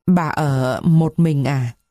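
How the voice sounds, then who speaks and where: A woman's voice: deep voice, takes it slowly, dark tone, dry recording. Woman voicing a frightened orphan girl of fifteen, curt hesitant replies, dry close sound. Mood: uneasy.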